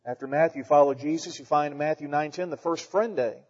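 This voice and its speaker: A pastor in his forties gives his congregation a fervent sermon, leaning on rhetorical questions and folksy asides. His pitch is fairly high, his pace a little fast, and his tone darkish. Recorded in a church sanctuary, the sound is dull and reverberant.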